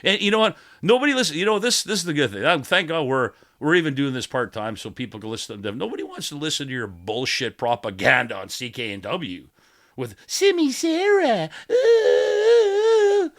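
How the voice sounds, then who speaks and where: A man's voice: medium pitch, animated, fast talker, hardly any pauses, sharp tone, dry recording, clean studio sound. A man hosting a casual podcast, talking in a rowdy, irreverent, rambling and profane way. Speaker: podcast host.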